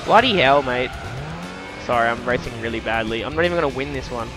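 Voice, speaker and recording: With racing game music and engine noise blaring behind him, an Australian man from New South Wales chats through his live stream. He has a medium-pitched voice and races along. His manner is blokey and casual, with mild swearing and slang.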